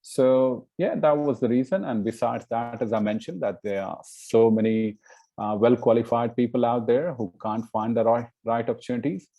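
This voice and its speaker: A man's voice: mid-range voice, moderate pace, warm tone, dull audio. A middle-aged man from India, a guest in a casual interview, talking earnestly with many fillers and "you know".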